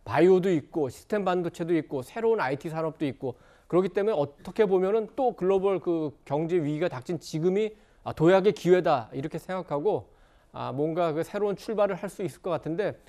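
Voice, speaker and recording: A male newspaper editorial writer on a TV news panel, laying out points in a measured way with hesitant pauses. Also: fairly high pitch, lively intonation, dark tone. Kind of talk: TV panel commentary.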